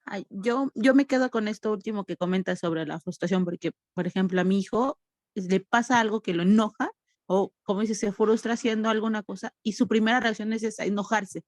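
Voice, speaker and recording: A woman's voice: mid-range voice, brisk, a little mellow, no echo. A mother with a mid-range voice shares with an online group in a chatty way, thinking aloud as she goes. The sound is close and dry. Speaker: parent participant. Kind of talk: video call sharing.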